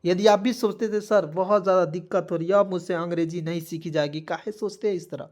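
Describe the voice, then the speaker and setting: A man's voice: high voice, steady tone, fast, a little mellow. A man teaching English spelling and pronunciation in a lesson, repeating each word, asking the viewers what it reads as, and adding motivational asides. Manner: repetitive, coaxing, keeps asking what it reads as.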